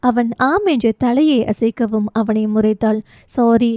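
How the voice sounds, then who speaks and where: Woman narrating a novel aloud, mellow tone, dry close mic. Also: fairly high pitch, lively intonation, normal speed, dry recording. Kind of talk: scripted narration.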